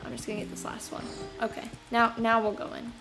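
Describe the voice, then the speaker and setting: Speaking fast in a slightly high, monotone voice, a young gameplay video host rambles casually to herself at home, sighing and using fillers often. Game music is clearly heard behind her in the low-quality recording.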